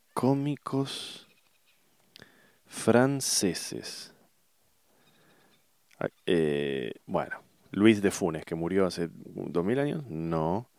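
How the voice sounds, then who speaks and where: A middle-aged man with an Argentine Spanish accent rambles casually to his viewers, stopping often to hunt for words. His voice sits low and comes across smooth and resonant. The sound is dry, with no room echo. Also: darkish tone. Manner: hesitant, searching for words, many fillers. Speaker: vlogger.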